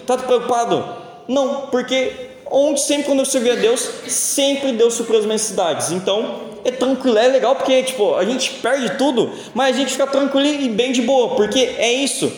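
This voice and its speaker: A man's voice: extremely high pitch, normal speed, a little hiss or hum. A young man preaching a sermon in a church, telling stories in a casual, joking way. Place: church hall. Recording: echoey church hall with long reverb.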